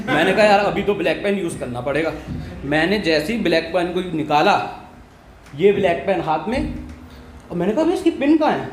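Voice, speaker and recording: A young male comedian with a high voice tells a school story on stage. He slips into the voices of the people he quotes. The room is echoey, with a faint hum of ambience. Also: normal speed. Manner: acts out quoted voices of teacher and classmates. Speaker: stand-up comedian. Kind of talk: stand-up storytelling. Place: comedy stage with live audience.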